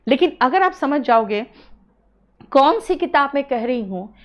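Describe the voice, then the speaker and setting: A young woman with an Indian accent teaching an online English exam-prep class from a small studio. She explains patiently, calls the students "beta" and slowly drills the pronunciation of example words. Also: high-pitched, animated, highs cut off.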